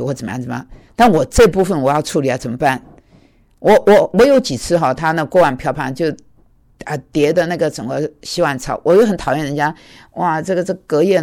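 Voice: medium pitch, darkish tone. A preacher giving a conversational sermon, telling a personal story with many fillers and English words mixed in.

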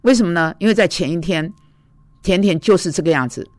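A woman's voice: on the low side, fairly quick, a little mellow, no room sound. A woman preacher giving a conversational, storytelling sermon, recounting arguments and dialogues from her own life.

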